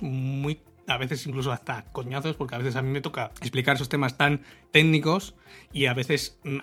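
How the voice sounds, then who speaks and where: A man's voice: fairly high pitch, bright, forceful tone. Chatty man hosting a podcast lesson. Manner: casual, chatty explaining with asides. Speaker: podcast host.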